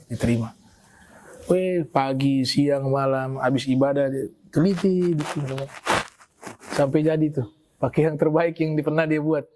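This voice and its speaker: Animated male preacher telling stories. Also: a little high. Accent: North Maluku Malay. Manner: animated storyteller, acts out quoted speech. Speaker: Islamic preacher. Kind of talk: storytelling religious talk.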